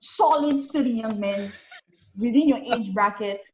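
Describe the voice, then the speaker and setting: A woman talks candidly as a guest, with a slightly high voice and frequent laughter. She leans on emphatic repetition to make her point. The room is echoey and the sound a little dull. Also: measured pace, noisy background. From Saint Lucia. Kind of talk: casual conversation.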